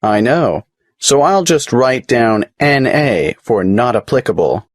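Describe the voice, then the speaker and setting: A woman's voice: a bass voice, lively intonation, dry recording, clean studio sound, heavily acted. A woman playing a businesslike office clerk who asks an applicant for details in a scripted exam dialogue. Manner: brisk, businesslike questioning.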